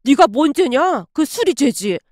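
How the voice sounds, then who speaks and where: A woman voicing a blunt, easygoing young office coworker who talks fast. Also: high-pitched, big pitch swings, a little mellow, dry recording, studio quality. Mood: blunt excited.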